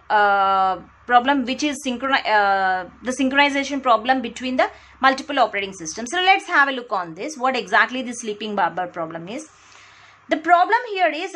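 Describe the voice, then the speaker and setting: Indoors at a whiteboard, a woman with an Indian English accent lectures while drawing, with only her hands visible as she writes and a close mic picking her up off camera. Her voice is high-pitched and a bit bright, and she uses many fillers and restarts, repeating phrases to stress her points.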